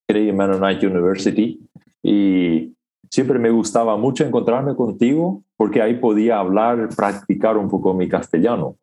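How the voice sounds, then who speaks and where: Low-voiced man, measured and thoughtful. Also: warm tone. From Paraguay. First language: Plautdietsch. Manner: thoughtful and measured, with frequent "eh" pauses. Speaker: guest, academic. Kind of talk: conversational interview.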